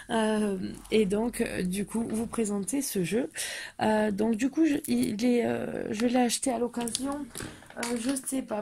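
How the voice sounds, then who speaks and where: A woman's voice: mid-range voice, creaky, warm tone, breathy edge. A woman in her thirties chatting casually through a tarot deck review, hesitant and full of fillers.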